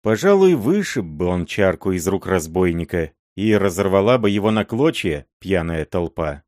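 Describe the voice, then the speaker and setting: A man narrating classic prose in an expressive, dramatic storytelling way on a close mic. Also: low-pitched, moderate pace, no echo. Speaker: audiobook narrator. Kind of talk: audiobook reading of classic prose.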